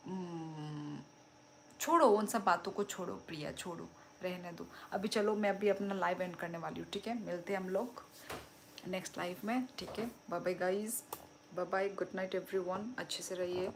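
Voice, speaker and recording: Slow-talking young woman chatting on a live stream. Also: medium pitch, slight background noise. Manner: chatty, reads out and answers viewer comments with frequent laughter. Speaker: livestream host. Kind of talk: casual live-stream chat.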